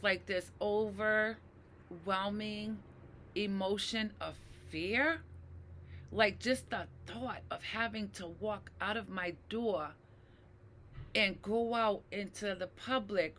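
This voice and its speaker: A woman's voice: mid-range voice, takes it slowly, fairly bright tone, slight background noise. A middle-aged woman, a mental health advocate, speaking emotionally and personally to her viewers, with many fillers and tag questions. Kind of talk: personal talk to camera.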